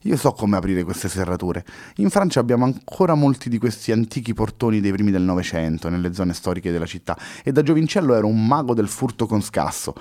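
A man's voice: lowish voice, animated, a little fast, hardly any pauses, mellow, dry recording, clean studio sound, natural voice. A man reading a story and voicing a nervous young Frenchman with a French accent who is sometimes smug. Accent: French (put on). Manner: fretful, a little smug. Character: anxious young Frenchman, boastful at times.

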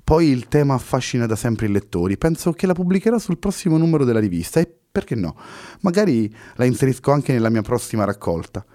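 A man reading an audiobook voices an older male poet who speaks in a warm, praising, courtly manner, with lifted pitch. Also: sing-song, fast talker, no room sound, studio quality, natural voice. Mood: delighted.

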